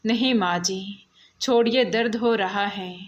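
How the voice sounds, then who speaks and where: A woman's voice: medium pitch, unhurried, natural voice. A woman doing a tearful, mistreated young wife. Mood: pleading. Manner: tearful, pleading. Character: mistreated, grieving young daughter-in-law.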